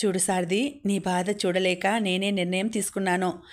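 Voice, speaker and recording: A woman voicing a gentle, patient middle-aged mother in a storybook reading, speaking softly and pleadingly. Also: mid-range voice, fairly even intonation, normal speed, close to an everyday voice.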